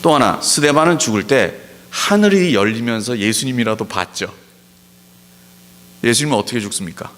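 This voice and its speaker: A man preaching a sermon as pastor, pressing his points with emphatic rhetorical questions and slowing down to stress key words. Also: medium pitch, animated, a bit bright, a little hiss or hum. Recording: long hall reverb.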